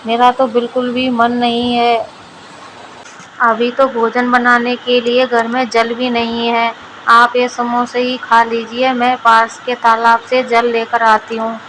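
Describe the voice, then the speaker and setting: A woman reading a storybook aloud, voicing a lazy, greedy young village wife in a flat, even way. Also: a little high, slow pace, background noise. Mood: plain.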